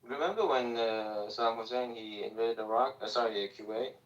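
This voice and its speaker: A man in a casual live discussion, speaking hesitantly with many pauses and fillers. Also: medium pitch, dull audio. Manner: hesitant, lots of uh. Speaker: panelist. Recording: roomy, distant mic.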